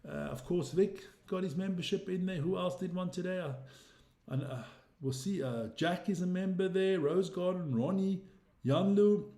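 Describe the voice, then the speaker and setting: This livestream host, a man with a South African English accent, rambles casually through sports stats and reads out viewer comments. His voice sits high and sounds warm, moving at a normal speed in an echoey room.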